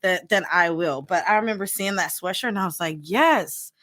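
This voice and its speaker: Middle-aged woman, low voice, chatty therapist telling stories, dry close sound. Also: normal speed, no room sound. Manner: animated, storytelling with quoted asides. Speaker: podcast co-host, therapist. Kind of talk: casual chat.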